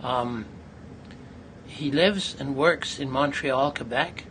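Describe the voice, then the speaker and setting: A man interviewing an artist, speaking in an effusive, halting way with many fillers. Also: medium pitch, fairly bright tone. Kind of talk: conversational interview. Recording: noisy background ambience.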